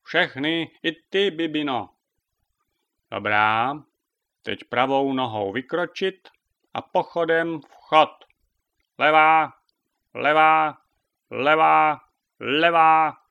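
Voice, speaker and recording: A man's voice: mid-range voice, lively intonation, lo-fi sound, natural voice. A man voicing Sabina, a bossy female hen who drills the flock like a sergeant and barks her orders. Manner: barking commands.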